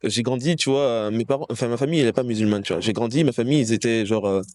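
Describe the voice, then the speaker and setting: A man's voice: medium pitch, rapid-fire, darkish tone, no echo, studio quality. A young man in casual conversation, earnestly sharing his faith with someone, often asking "you see?" as he explains. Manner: earnest, persuasive, fillers "tu vois". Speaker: street evangelist.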